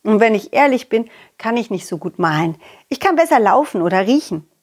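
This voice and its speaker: Lively woman telling children's stories. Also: fairly high pitch, a little fast. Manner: warm, playful address to children. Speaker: children's storyteller. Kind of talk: storytelling for children.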